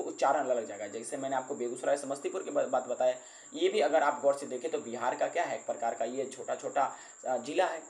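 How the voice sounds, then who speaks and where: A male teacher who explains an English book line by line, reading the English passages slowly before explaining them. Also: mid-range voice.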